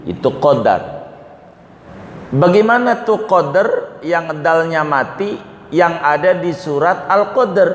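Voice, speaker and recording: Slow, unhurried male religious teacher. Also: a little high, a little hiss or hum. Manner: unhurried, explains Arabic terms, quizzes audience. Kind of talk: Islamic study lecture. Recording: echoey hall with faint ambience.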